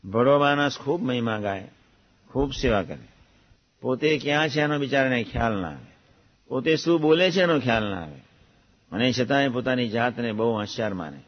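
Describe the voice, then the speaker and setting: A man speaks in a measured, reflective way, giving a devotional discourse. His voice sits at a middle pitch. The recording is dull and muffled. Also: expressive. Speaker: religious speaker recounting a guru's teachings.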